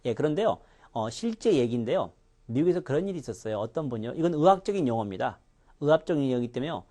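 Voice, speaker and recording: A man's voice: mid-range voice, very animated, racing, dark tone. A man teaching English pronunciation in a recorded lecture, demonstrating sounds with exaggerated contrasts.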